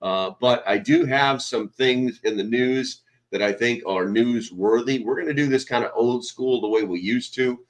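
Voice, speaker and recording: An American man with a mid-range voice hosts a casual livestream, rambling as he reads out names from the chat. He talks at a normal speed with few pauses into a small desk microphone in a sparse, nearly empty room.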